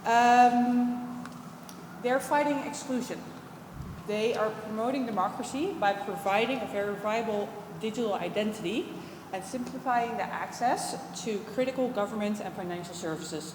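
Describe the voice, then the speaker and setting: A woman hosting a pitch event, introducing the next contestant in an upbeat way. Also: normal speed, background noise. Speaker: event host. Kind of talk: stage hosting. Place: event hall. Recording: echoey hall with loud ambience.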